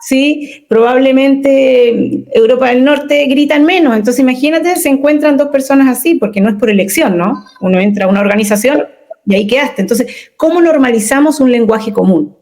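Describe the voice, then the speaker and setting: Lively, emphatic woman consultant. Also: fairly high pitch. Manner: expressive, emphatic, rhetorical questions. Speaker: communication consultant and workshop leader. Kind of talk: interview conversation.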